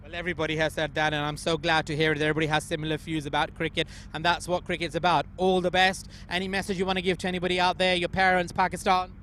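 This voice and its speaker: A high-pitched man with a bright, forceful voice interviews players pitchside at a night cricket match. He talks effusively and keeps directing the players and the camera. Faint outdoor traffic noise sits behind him. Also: flat delivery, fast, few pauses.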